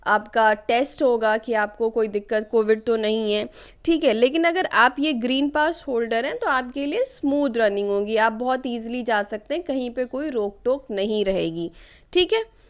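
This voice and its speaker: A woman's voice: fairly high pitch, clear, resonant tone. A woman explaining current affairs questions for exam preparation in a chatty way, often checking in with "okay". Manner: conversational, many fillers and "ठीक है" check-ins. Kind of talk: exam-prep lesson explaining news questions.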